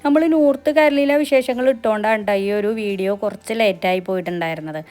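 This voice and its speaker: A woman's voice: medium pitch, quick pace. A woman from Kerala with a Kerala Malayalam accent narrates a casual travel vlog, chatty and mixing English words into her Malayalam. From Kerala, India. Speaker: travel vlogger.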